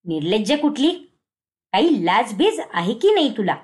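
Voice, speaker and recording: A woman's voice: a little high, sing-song, moderate pace, darkish tone. A woman voicing a stern, scolding mother-in-law. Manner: scolding, commanding.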